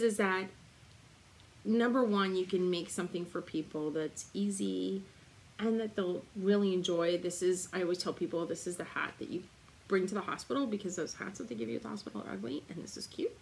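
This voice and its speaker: A woman's voice: mid-range voice, normal speed, gravelly, a bit bright, rough recording. A woman co-hosting a casual podcast, chatting in a digressive way with frequent asides. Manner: chatty, digressive, laughs often. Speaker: podcast co-host. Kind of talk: casual chat.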